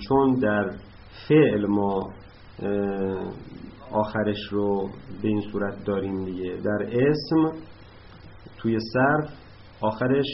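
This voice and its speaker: Low-voiced man teaching grammar patiently. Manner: slow, patient explaining, spells out word patterns. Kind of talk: classroom lesson. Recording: dull lo-fi recording with faint noise.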